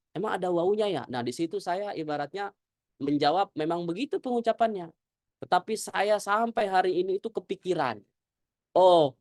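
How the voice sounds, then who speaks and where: A male Quran recitation teacher giving a tajwid lesson to a congregation, demonstrating Arabic sounds slowly and often asking if it is clear. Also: high voice, no echo, studio quality.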